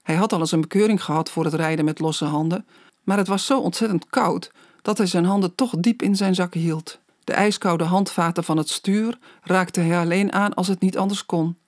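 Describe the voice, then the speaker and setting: An audiobook narrator reads a children's story at a slow, measured pace. The voice sits at a middle pitch. The recording is dry and close, with no room sound. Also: steady tone, no room sound.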